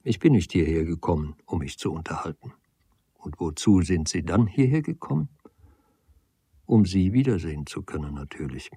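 A man reading the part of a brooding young stranger who answers quietly and in a subdued way. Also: expressive, normal speed, breathy edge, no room sound, heavily acted. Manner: quiet, subdued, low-key replies. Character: restless, brooding young stranger, humble and evasive.

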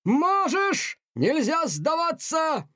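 Strict colonel cat, yelled orders, high, slow, storybook. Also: male voice, huge pitch swings, no echo, studio quality, full character voice. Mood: barking. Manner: barking drill orders. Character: strict shouting male army colonel cat.

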